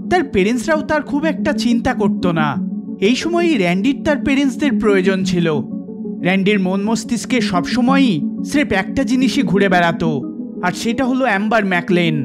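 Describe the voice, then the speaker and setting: A man with a very high-pitched voice dramatically narrates a scripted documentary. Loud background music plays behind him the whole time.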